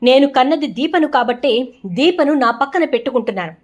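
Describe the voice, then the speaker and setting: A firm, reproachful middle-aged mother, voiced by a woman narrator speaks in a high voice. She scolds in a cutting, emphatic way, a stern storybook parent laying down the truth. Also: lively intonation, fairly quick.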